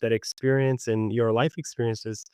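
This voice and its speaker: A man's voice: medium pitch, little pitch movement, normal speed, darkish tone, smooth, no room sound. A man hosting a podcast interview, enthusiastic and appreciative toward his guest. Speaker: podcast host.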